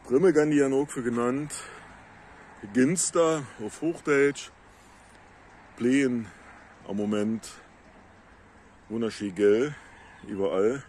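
A man with a Moselle Franconian dialect explaining plants on a casual nature walk outdoors in the countryside, in a halting, unhurried way. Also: lowish voice, a little mellow, slight background noise. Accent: Moselle Franconian dialect of the Saar-Moselle area. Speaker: local nature video maker.

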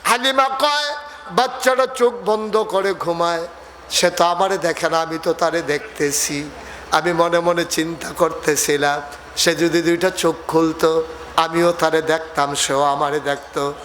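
High, bright-voiced Bangladeshi male preacher storytelling. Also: fairly even intonation, a little hiss or hum. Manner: acts out dialogue, emotive drawn-out calls. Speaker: Islamic preacher. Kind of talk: dramatic storytelling sermon.

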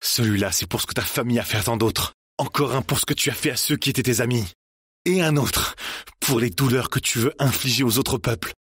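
A man voicing a furious young woman bent on revenge in an audiobook, speaking fast and hard. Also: mid-range voice, fairly bright tone, breathy edge, no room sound, voice pushed up. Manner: furious, hurried.

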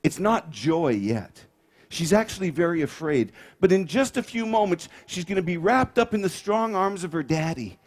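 Lively preacher, playful and animated. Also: male voice, high voice, normal speed. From Canada. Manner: playful, animated storytelling with audience participation. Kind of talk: sermon.

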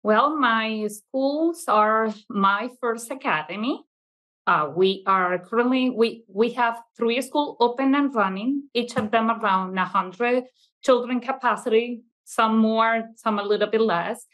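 Her voice is fairly high and a bit bright, a little slow, captured on a rough recording. She's a middle-aged childcare school owner, Italian by first language but raised in Venezuela and speaking with a Venezuelan accent, giving conversational answers as an interview guest via video call from a classroom.

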